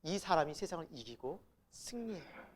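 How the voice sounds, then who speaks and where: A woman's voice: low voice, very animated, normal speed. A middle-aged woman pastor preaching a sermon, emphatic, asking the congregation rhetorical questions and building to exclamations.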